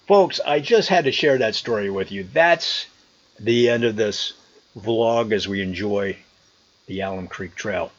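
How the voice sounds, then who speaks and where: A man's voice: fairly low pitch, unhurried, highs cut off. An American man chatting casually and telling a story to his vlog viewers in an amused, conversational manner, outdoors. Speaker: vlogger. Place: outdoors on a trail.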